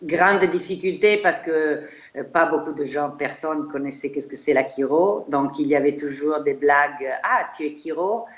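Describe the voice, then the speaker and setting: A low-voiced, middle-aged woman with an Italian accent talks as an interview guest, searching for words with fillers and restarts. The recording is echoey and a little muffled, as if captured in a bare room. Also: moderate pace. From Italy. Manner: hesitant, many fillers and restarts. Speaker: chiropractor guest. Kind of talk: casual interview.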